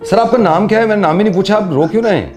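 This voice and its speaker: A man hosting a radio prank-call show, teasing a caller and telling jokes and riddles in an animated storyteller way. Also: sits high, racing, music in the background. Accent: Hindi. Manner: teasing, animated storyteller who acts out characters.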